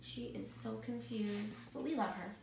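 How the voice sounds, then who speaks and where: A woman school principal reading a picture book aloud to children in a warm, expressive way. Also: mid-range voice, measured pace, vocal fry, reverberant, slight background noise.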